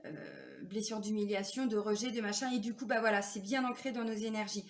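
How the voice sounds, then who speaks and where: A woman's voice: medium pitch, fairly even intonation, a little fast, slight background noise. A woman working as a spiritual therapist, talking casually and confidingly to her viewers, full of fillers and tag questions. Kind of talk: casual talk to camera viewers.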